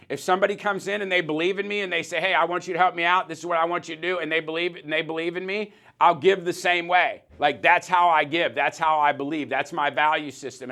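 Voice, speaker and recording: Guy coaching on business, fairly high voice, keeps repeating himself for emphasis. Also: bright, forceful tone. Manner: emphatic, repetitive, restarts sentences often. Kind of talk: motivational business talk.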